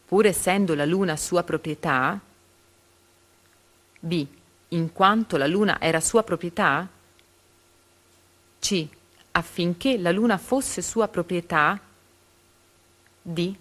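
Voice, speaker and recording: The reader here is a woman whose voice sits a little low with a touch of brightness; she recites comprehension quiz items and answer options, pausing deliberately after each letter.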